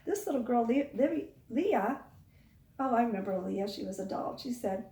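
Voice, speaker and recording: A woman teacher, expressive and mellow with a slightly high voice, holds storytime for young children at a normal pace, sing-songing and coaxing as she asks them questions. The mic is distant, and the room adds echo.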